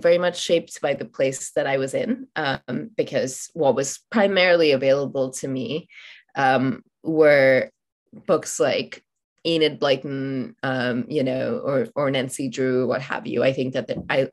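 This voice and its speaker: Her voice very low in pitch, a Malayalam-speaking woman born in India and raised in Oman is interviewed on a podcast as an author. She is reflective and searching, frequently pausing, restarting and using fillers.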